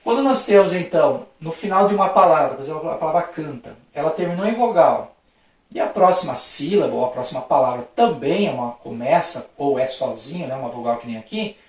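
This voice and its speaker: A Brazilian male teacher talks through a lesson in a very echoey room, his voice a little above average in pitch. He keeps checking in with the class after each point, in a friendly, patient way. He is heard from some distance off the mic. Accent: Brazilian Portuguese. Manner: friendly, with frequent checking "tá?" tags; acts out a playful street-shouting example for stress. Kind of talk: recorded video lesson at a board.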